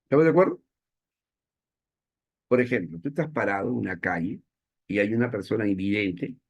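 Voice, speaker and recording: A man's voice: lowish voice, expressive, fairly quick, breathy edge. A man, a teacher giving a playful, self-mocking classroom lecture and checking in with his students.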